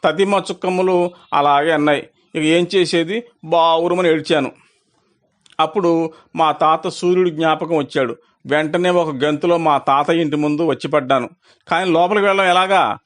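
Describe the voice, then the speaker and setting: Man storyteller, slightly high pitch, first-person kids' tale, talks right to the listeners. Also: fairly even intonation, normal speed. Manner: first-person telling that asks the listeners questions. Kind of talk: scripted storybook narration.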